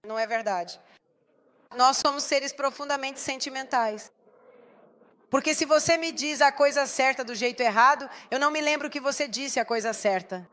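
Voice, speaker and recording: A woman's voice: high voice, normal speed, fairly bright tone. A woman pastor preaching a sermon, emphatic and putting rhetorical questions to the congregation.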